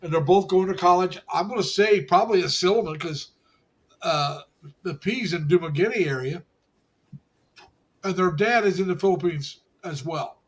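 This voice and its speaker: A man's voice: high voice, normal speed. A man in his sixties chatting casually on a livestream, rambling and often restarting his phrases. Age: 60s. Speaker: co-host.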